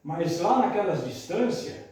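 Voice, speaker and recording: A man's voice: high-pitched, animated, unhurried, a little mellow, slight background noise. A middle-aged man, a radio announcer and singer, telling rambling, folksy anecdotes in casual podcast conversation. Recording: echoey room, mic at a distance.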